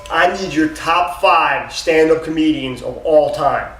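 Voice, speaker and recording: A man's voice: fairly high pitch, a little slow, over music. A man hosting an interview, asking upbeat, direct questions in casual chat. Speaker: interviewer, host. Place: theater. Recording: echoey, distant, noisy theater recording.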